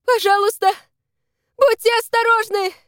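A woman's voice: very high voice, moderate pace, darkish tone, no echo, studio quality, pitched above the performer's own voice. A woman voicing a desperate young woman clinging over a cliff, pleading and sobbing in an audiobook.

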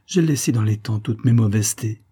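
A man voicing a heartbroken young woman in a read-aloud story, speaking softly and tremulously. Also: lowish voice, brisk, slightly rough. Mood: remorseful. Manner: soft, trembling, sighing.

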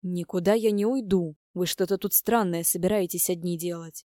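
A stubborn, anxious young man frets over his partner, as a woman voices him. The voice stays low and dark, close to the reader's own. It is read dry in a storybook way. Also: fairly even intonation, moderate pace, dry recording, close to an everyday voice.

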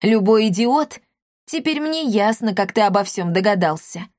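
A woman's voice: mid-range voice, expressive, moderate pace, a little mellow, no room sound, studio quality, natural voice. A woman voicing a bold, cheeky orphan boy who mocks his rivals. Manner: cheeky, mocking.

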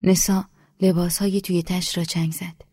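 Low husky woman narrating calmly. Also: no echo. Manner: calm, measured, low-key. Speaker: audiobook narrator. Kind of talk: scripted literary narration. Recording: dry close studio.

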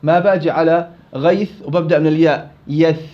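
A man's voice: on the high side, quick pace, muffled recording. A man teaching Quran recitation rules in a classroom lecture, explaining rules and quizzing his students.

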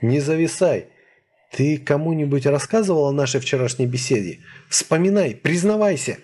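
A nervous, quick-tempered wolf snaps and grumbles in a husky voice that rides a little higher than normal, as a man puts him on for an audiobook. He speaks with indignant urgency, as if always just wronged. The talking animal comes across as more bark than bite. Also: animated, a little mellow. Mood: pushy. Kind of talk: audiobook character voice.

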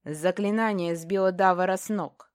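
A woman's voice: fairly low pitch, moderate pace, darkish tone, no echo. A woman narrating a first-person fantasy audiobook in a tense, dramatic storytelling manner, close to the mic.

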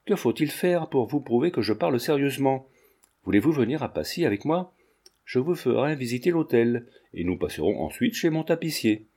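A man doing a bold flirtatious gentleman. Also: medium pitch, sing-song, moderate pace, breathy edge. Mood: insistent. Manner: bold, insistent, playful. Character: self-assured flirtatious Parisian gentleman.

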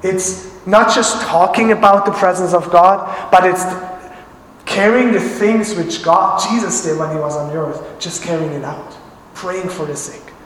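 A man preaching a sermon as pastor, telling a family story with halting restarts. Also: sits high, fairly even intonation, fairly bright tone, a little hiss or hum. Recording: echoey hall reverb.

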